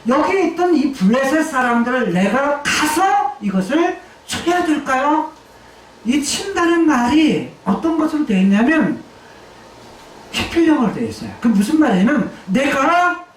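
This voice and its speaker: A woman preaching in a church with a high, lively voice that leaps up and falls away as she acts out quoted lines. She sounds a little far from the mic, and the room rings with echo behind a faint hiss. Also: a little slow. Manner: animated preaching, acts out quoted lines with sudden shouts and drops. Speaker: pastor. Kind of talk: sermon. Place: church sanctuary. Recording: echoey church hall mic heard from a distance.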